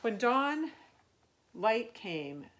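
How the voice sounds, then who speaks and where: A youth ministry storyteller reads a children's picture book aloud very slowly in a slightly high voice. She's expressive and musing, as though wondering aloud with young listeners.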